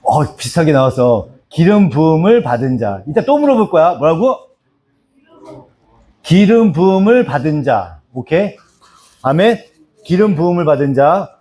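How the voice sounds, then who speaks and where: A man's voice: a little high, sing-song, moderate pace, darkish tone. A man teaching a church Bible lesson, repeating key phrases and calling on listeners by name to answer. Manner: repetitive, drills answers and calls on people by name. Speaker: pastor teaching doctrine. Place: small church.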